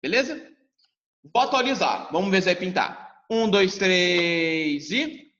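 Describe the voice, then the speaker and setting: A man's voice: high voice, lively intonation, slow pace, a bit bright. A Brazilian man teaching a class, talking directly to his students and acting out their questions. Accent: Brazilian Portuguese. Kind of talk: lively classroom lesson. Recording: dull sound with long reverb.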